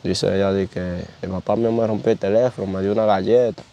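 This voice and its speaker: A man's voice: on the low side, fairly even intonation, quick pace, mellow, dull audio. A young man, telling a story in a casual interview and often repeating "dice ella, di que" as he recounts who said what. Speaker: interview guest.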